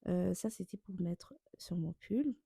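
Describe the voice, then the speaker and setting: A woman's voice: lowish voice, lively intonation, a little slow, creaky, mellow, breathy edge, no room sound. A young woman from Burundi narrating a vlog in voice-over, candid and self-mocking with loose slang. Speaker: vlogger.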